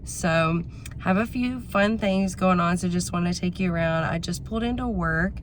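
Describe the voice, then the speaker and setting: Slightly raspy woman vlogger over background noise. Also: lowish voice, moderate pace. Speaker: vlogger hosting a week-in-my-life video. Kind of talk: casual chat to camera. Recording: clear background noise, ambience.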